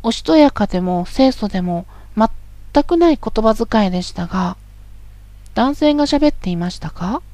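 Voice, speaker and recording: Polite woman voice teacher, kinda high voice, calm scripted lesson, super dry mic. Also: normal speed, no echo. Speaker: voice training instructor.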